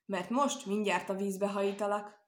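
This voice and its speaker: A woman voicing a sly, vengeful male fox in a storybook reading, with a sharp, scolding tone. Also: mid-range voice, steady tone, natural voice. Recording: roomy echo.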